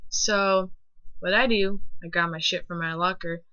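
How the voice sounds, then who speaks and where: A woman's voice: fairly low pitch, steady tone, unhurried, bright, forceful tone, no room sound. A teenage girl ranting to her laptop, profane and sarcastic. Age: teens. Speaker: vlogger. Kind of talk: ranting vlog. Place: indoors at a laptop. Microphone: laptop mic. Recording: dull lo-fi laptop audio.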